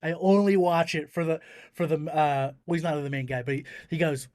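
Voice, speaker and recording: A man's voice: on the high side, fairly quick, a little mellow, no echo, studio quality. A man from Minnesota hosting a casual comedy podcast, joking around and jumping into exaggerated bits. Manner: jokey, jumps into exaggerated bits.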